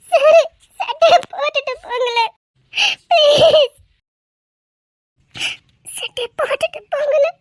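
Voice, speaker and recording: A woman's voice: very high-pitched, slow, pauses often, dry recording, studio quality. A woman playing a young wife who tearfully pleads with her angry husband in a web drama. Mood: tearful pleading.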